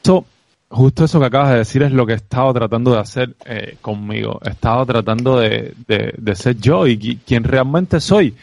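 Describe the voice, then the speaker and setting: A man with a Cuban accent, a guest on a podcast, talks about sales in an animated, reflective way, often asking "¿sabes?". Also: medium pitch, moderate pace, creaky, dry recording. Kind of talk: casual interview conversation.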